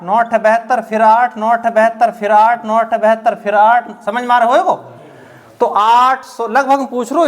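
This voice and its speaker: A high-pitched man teaches math for an exam-prep class. He walks through the sums out loud, one step at a time, repeating himself. He keeps stopping to ask whether his students have followed. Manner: repetitive, checks understanding often; counts out calculations aloud step by step.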